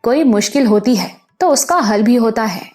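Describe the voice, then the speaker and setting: Female narrator doing older motherly village woman, scolding but loving, mellow tone, soft music behind. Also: on the high side, animated, close to an everyday voice. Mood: tender. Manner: scolding yet affectionate, rustic speech. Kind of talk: audiobook character voice.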